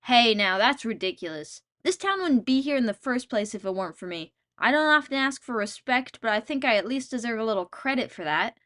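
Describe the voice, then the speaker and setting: Lady narrating a comedy game vid, kinda high voice, wry and self-mocking. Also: animated, a little fast, hardly any pauses, fairly bright tone. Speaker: video creator and narrator.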